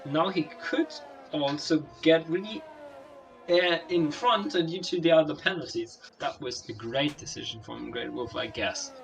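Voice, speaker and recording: A young man co-commentating a sim-racing league race, hesitant and searching for words, then bursting into excitement at overtakes. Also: on the high side, unhurried, vocal fry, soft background music. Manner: excitable, hesitant, bursts of enthusiasm at overtakes, non-native phrasing.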